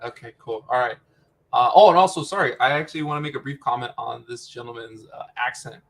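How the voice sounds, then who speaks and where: A man co-hosting a casual reaction chat over a video call, easygoing, with lots of fillers and quick laughs. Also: medium pitch. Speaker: co-host.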